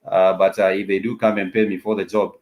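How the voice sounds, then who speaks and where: A man with an African accent hosts a spoken political commentary, talking haltingly and often repeating phrases for emphasis. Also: sits low, little pitch movement. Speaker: host of a political discussion show.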